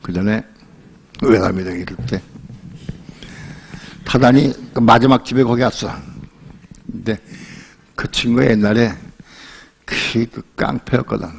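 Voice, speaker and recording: An older male pastor preaching a sermon in a relaxed, colloquial way, telling a personal story and acting out the voices in it. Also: on the low side, unhurried, creaky, pauses often, husky. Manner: colloquial storytelling, acts out quoted voices and laughs often.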